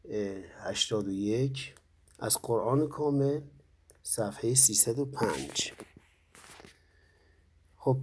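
A man teaches students in a recorded lesson. His voice is mellow and slightly husky. He explains patiently, pausing often and using fillers. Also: mid-range voice. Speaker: Quran recitation teacher.

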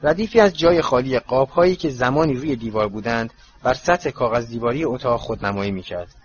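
A man narrating an audiobook in an even, measured reading, in a slightly muffled recording with faint hiss. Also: mid-range voice. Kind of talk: scripted narration.

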